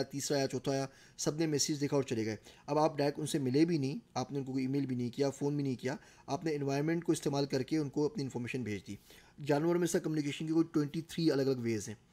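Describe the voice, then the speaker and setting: A man's voice: medium pitch, warm tone. A middle-aged man with a Pakistani Urdu accent giving a recorded course lecture, explaining ideas through everyday examples.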